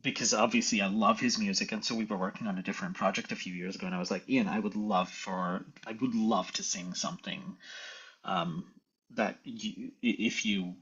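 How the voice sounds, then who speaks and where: A tenor from Sri Lanka, speaking in a casual conversation, thoughtful and hesitant with many restarts. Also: male voice, lowish voice, fairly even intonation, fairly quick, fairly bright tone, slightly rough, highs cut off. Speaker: guest tenor.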